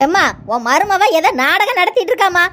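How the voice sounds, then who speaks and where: A woman's voice: extremely high pitch, animated, fairly quick, sharp tone, heavily acted. A woman playing a tattling young sister-in-law. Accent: Kanyakumari Tamil. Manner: tattling, mocking.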